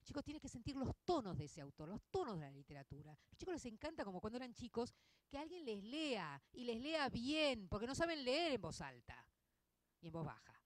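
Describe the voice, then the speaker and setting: A woman in her fifties with an Argentine accent, a literature teacher giving a conversational talk to an audience, expressive and full of tag questions. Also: medium pitch, fast talker, no echo. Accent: Argentine Spanish.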